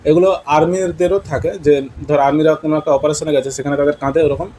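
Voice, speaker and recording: A man's voice: a little high, fairly even intonation, racing, mellow, slight background noise, low-quality recording. Male Bengali teacher explaining English words. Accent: West Bengal Bengali. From West Bengal, India. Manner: mixes English words into Bengali, asks students questions.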